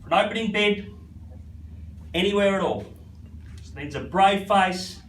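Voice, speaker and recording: A high-pitched Australian man runs a live property auction with repetitive patter, naming bidders as he goes. His voice rings with echo and sits a little back from the mic, with faint noise behind it. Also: a little slow, a bit bright. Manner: repetitive, addresses bidders by first name. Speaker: real estate auctioneer. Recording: echoey, slightly distant, faint background noise.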